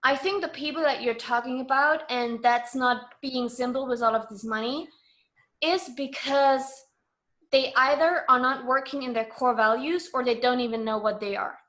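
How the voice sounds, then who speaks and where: Confident and informal, this high-voiced woman speaking as a language talks like a casual interview guest. Her delivery is emphatic at a normal speed, with a slightly bright quality.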